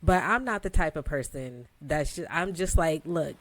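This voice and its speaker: A woman in her thirties, co-hosting a podcast, telling a story in a casual, animated way with relaxed phrasing and frequent laughter. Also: deep voice, moderate pace. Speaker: podcast co-host.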